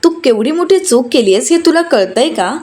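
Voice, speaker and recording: A woman's voice: high voice, expressive, normal speed, darkish tone, pitched above the performer's own voice. A woman reading a stern accusing young husband. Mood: reproachful. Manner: reproachful, lecturing.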